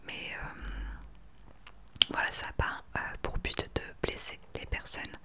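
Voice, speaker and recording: A woman in her late twenties talking earnestly and with conviction in a soft whispered ASMR chat into a desktop microphone. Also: measured pace. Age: 20s. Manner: earnest, opinionated. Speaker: ASMR creator. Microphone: desktop USB microphone.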